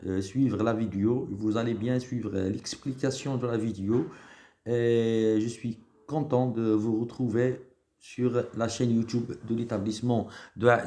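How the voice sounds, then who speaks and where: Mellow-voiced male teacher explaining grammar. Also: mid-range voice. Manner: patient, explanatory, often repeats and restarts words. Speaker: schoolteacher. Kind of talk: recorded grammar lesson for pupils.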